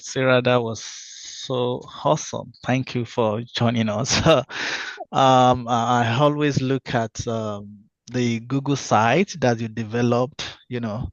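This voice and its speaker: A man of middle pitch hosting an online webinar over a video call, often pausing on "uh" and restarting his sentences. The audio is dull and dry, with no room sound. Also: no room sound. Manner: hesitant, many fillers and restarts. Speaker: webinar host. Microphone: video call microphone.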